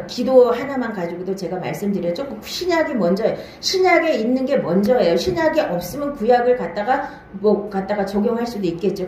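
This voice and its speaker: A woman's voice: medium pitch, dark tone, slight background noise. A woman pastor preaching a Bible-study sermon in a church hall, often asking the listeners questions and checking they follow. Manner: marks each new point with a short "now then".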